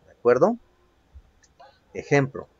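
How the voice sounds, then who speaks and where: A man's voice: medium pitch, huge pitch swings, slow pace, husky, dry recording, highs cut off. A man teaching English to Spanish-speaking children, patiently repeating each phrase in both languages and checking "ok?" after each point. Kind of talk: home-learning video lesson. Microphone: phone.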